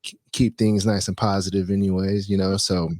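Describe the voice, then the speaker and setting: A man's voice: low voice, level tone, brisk, a little mellow, dry recording, studio quality. A man hosting a podcast, talking in a laid-back, rambling way with many fillers. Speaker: podcast host. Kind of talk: casual chat.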